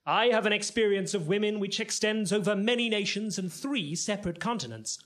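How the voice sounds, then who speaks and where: A man's voice: high-pitched, fairly quick, fairly bright tone. A man voicing a vain, pompous doctor sidekick in a comedy audio drama, boastful about himself.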